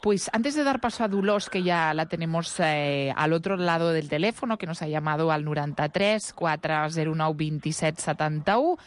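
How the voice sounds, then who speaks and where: A woman's voice: deep voice, normal speed, few pauses. A woman hosting a call-in radio show, friendly and welcoming callers. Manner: friendly, moves between Spanish and Catalan. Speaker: radio host.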